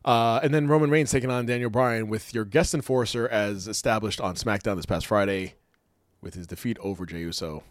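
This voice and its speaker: A man's voice: lowish voice, brisk, dry recording. A man co-hosting a casual wrestling chat, laughing often and repeating words as he thinks. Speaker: podcast co-host.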